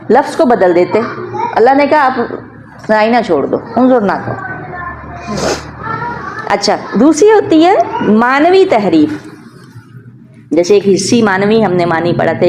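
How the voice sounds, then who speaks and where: A woman teaches a Quran commentary lesson at an ordinary middle pitch. She explains in an animated way, leaning hard on key words and letting small laughs slip in. A faint background noise sits under her voice.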